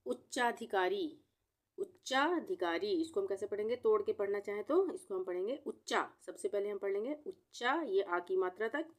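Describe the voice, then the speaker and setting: A woman teaching a spelling lesson, breaking words into syllables and repeating each one slowly. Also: mid-range voice. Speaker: Hindi teacher.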